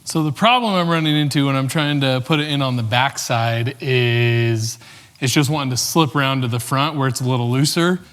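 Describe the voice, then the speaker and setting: A relaxed man talking through a car repair in his home garage, walking the viewer through each step. His voice sits in the middle of the male range, and a long reverb hangs behind it from the open space. He drops in dry, joking asides as he goes. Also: medium pitch. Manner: laid-back, chatty, dry joking asides. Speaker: DIY car vlogger. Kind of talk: casual how-to narration.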